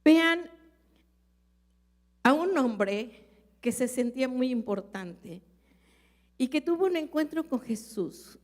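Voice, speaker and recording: Her high voice animated, this Mexican-accented woman pastor delivers a sermon slowly, with long pauses, in an echoey church hall. She preaches earnestly and puts questions to the congregation.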